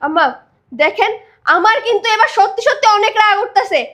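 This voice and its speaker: A young woman playing the wife of an expat worker, who scolds forcefully and insists on being obeyed. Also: extremely high pitch, brisk. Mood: angry. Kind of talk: amateur drama acting.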